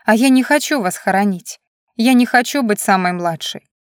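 A woman's voice: medium pitch, animated, normal speed, clean tone, dry recording, studio quality, natural voice. A woman reading the lines of a tearful, stubborn little girl of about nine in an audiobook. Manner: sniffling, pouting.

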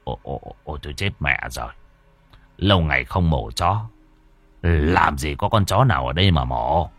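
A man voicing a panicked older innkeeper who stammers in a hushed, fearful voice. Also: extremely low pitch, lively intonation, normal speed, dry recording, soft background music.

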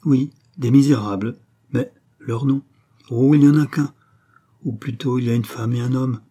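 A man's voice: mid-range voice, fairly even intonation, moderate pace, dark tone, voice pushed up, lightly acted. A man voicing a proud, passionate young Spanish noblewoman who speaks urgently and imploringly. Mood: insistent.

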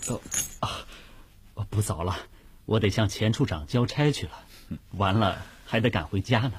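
A man's voice: on the low side, normal speed, slight background noise, lightly acted. A man playing an easygoing prison clerk. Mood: polite. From Nanchang, China. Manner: polite, easygoing. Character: mild-mannered middle-aged male prison clerk and father. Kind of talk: radio drama acting.

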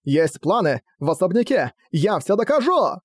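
A man's voice: fairly high pitch, big pitch swings, takes it slowly, no echo, clean studio sound, exaggerated voice. Man doing a stammering cowardly diplomat. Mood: pleading. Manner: stammering, pleading. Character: cowardly male diplomat begging for his life.

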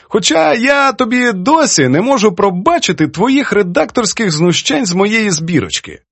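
A jolly elderly woman poet in a storybook, teasing her editor. She pitches high and lilts up and down. A male narrator acts her out in a dry, close voice. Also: very animated, normal speed, husky, dry recording. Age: older. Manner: teasing, laughs easily.

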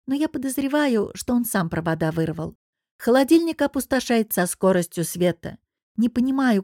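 A woman's voice: mid-range voice, no room sound, studio quality, close to an everyday voice. A woman reading aloud voices a tired, grumbling young female hotel administrator. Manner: grumbling, deadpan.

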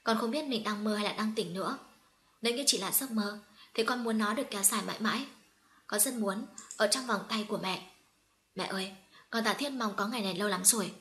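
A woman's voice: medium pitch, brisk, a bit bright, natural voice. Woman reading as a sobbing young orphan woman. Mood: choked up. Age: young adult. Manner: choked, sobbing. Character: young orphan woman, emotional, finding her family.

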